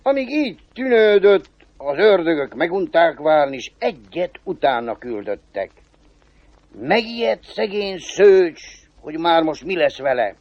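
A man telling a folk tale in a lively way, shifting pace and pitch. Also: dry recording. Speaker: storyteller. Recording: dull, dry recording.

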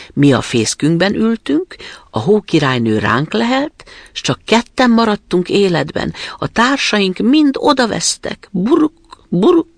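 A man's voice: high-pitched, creaky, no echo, pitched above the performer's own voice, full character voice. Man doing cooing mournful wood pigeons. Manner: cooing, solemn.

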